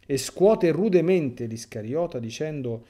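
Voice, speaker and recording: A man's voice: a little high, lively intonation, a little slow, dark tone. A male priest reading a sacred story aloud for a catechesis class, narrating expressively and stopping to add asides to his listeners.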